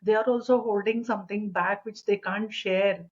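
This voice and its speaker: A woman's voice: medium pitch, fairly even intonation, normal speed, husky. Woman with South Indian accent, slightly muffled. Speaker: coach for mothers, interview guest. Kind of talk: conversational interview answers.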